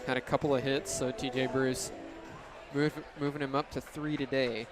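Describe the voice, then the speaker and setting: Calling baseball on the radio, a man in his twenties uses brief, descriptive phrases as the ballpark crowd and outdoor noise carry on, with music also playing. His medium-pitched voice shows little pitch movement and moves at a moderate pace.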